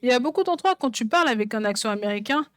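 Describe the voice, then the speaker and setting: A woman preaches a sermon in a fairly high voice. She drives her points home by repeating phrases again and again, and the sound is dry and close. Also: lively intonation, very fast, a bit bright, clear, resonant tone, dry recording. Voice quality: songwriter speaking of her own songs. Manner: emphatic, repeats phrases for stress.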